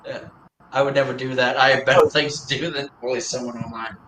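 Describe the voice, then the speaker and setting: A man hosting a livestream and chatting casually in a rambling, halting way, often restarting and repeating his words. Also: medium pitch, fairly even intonation, very noisy. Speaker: livestream host. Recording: roomy echo.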